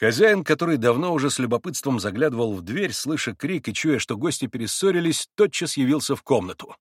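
A man narrating an audiobook in a dramatic, expressive reading. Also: medium pitch, brisk, breathy edge, no room sound, clean studio sound.

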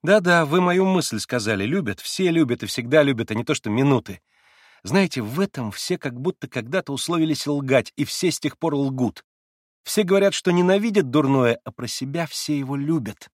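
A man voicing an excitable, morbid young girl in an audiobook reading, breathless and rapturous. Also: medium pitch, normal speed, no room sound, studio quality, voice pushed up, lightly acted. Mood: excited.

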